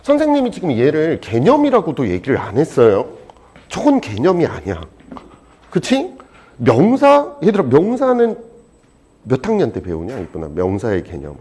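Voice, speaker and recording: A man teaching a high school exam prep lecture, animated and jokey, swinging between loud and soft. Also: moderate pace, breathy edge. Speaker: Korean language teacher.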